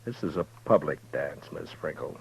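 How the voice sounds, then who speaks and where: An actor playing a steady, stubborn frontier marshal who also narrates a 1950s radio western. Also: male voice, very deep voice, normal speed, vocal fry, breathy edge, heavily acted. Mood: firm. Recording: dull old radio recording, music behind.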